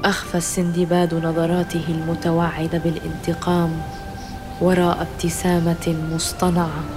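A narrator reading a scripted children's adventure story in a measured storytelling style. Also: male voice, a little high, completely flat delivery, over music.

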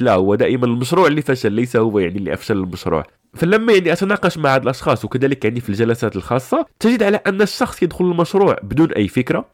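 A man's voice: mid-range voice, dry recording, clean studio sound. A man with a head cold stuffing his nose, hosting a podcast of motivational business advice in an emphatic, instructive way. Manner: emphatic, instructive, repeats key points. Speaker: podcast host.

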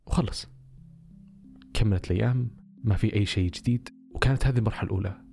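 A man's voice: lowish voice, rapid-fire, gravelly, mellow, faint music behind. A man telling a personal story casually on a podcast, with many rhetorical questions.

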